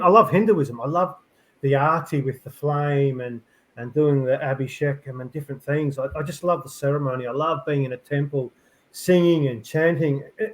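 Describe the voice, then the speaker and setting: A middle-aged man, a podcast guest, talking reflectively in a rambling, halting way full of fillers and restarts. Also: mid-range voice, low-quality recording. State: tearful. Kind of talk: reflective conversational interview.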